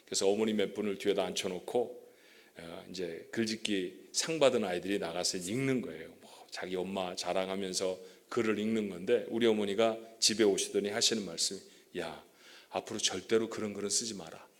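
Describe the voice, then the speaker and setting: A man's voice: low voice, steady tone, a little fast. A male pastor preaching a sermon in a church, chatting with the congregation and checking in with them often; he says he stutters. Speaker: guest pastor. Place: church sanctuary.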